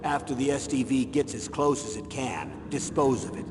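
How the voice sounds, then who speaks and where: An actor playing a grave military colonel in a video game, delivering a commanding briefing. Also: male voice, mid-range voice, moderate pace, lightly acted. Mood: firm, matter-of-fact. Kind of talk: scripted video game voice acting. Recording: echoey hall, noisy ambience.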